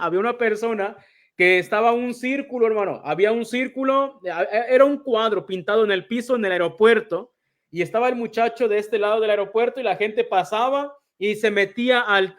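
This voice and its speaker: High-voiced man teaching from the Bible. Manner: addresses listeners as brother, acts out examples.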